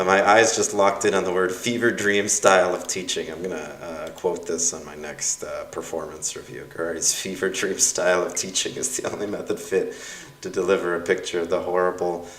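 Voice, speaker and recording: A young university instructor whose first language is Russian reads his course evaluations aloud in a low, slightly bright voice. He's casual, wry, and self-mocking, with plenty of fillers, and the sound is roomy and distant.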